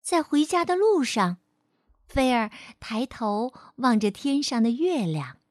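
A woman reads a children's picture book aloud in a gentle, coaxing voice. Her voice sits a little high and she takes her time over every phrase. The sound is close and dry. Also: sing-song, slow, dry recording. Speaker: children's storyteller. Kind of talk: storybook narration for children.

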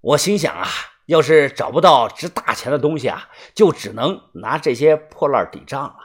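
A man narrating a first-person audiobook story in a chatty, relaxed way. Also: mid-range voice. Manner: chatty, relaxed, drawn-out filler syllables.

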